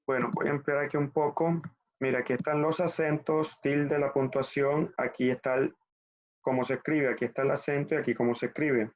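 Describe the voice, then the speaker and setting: A man teaching an online French class in Spanish, explaining patiently step by step and spelling letters out slowly. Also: mid-range voice, fairly even intonation. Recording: muffled lo-fi online class audio.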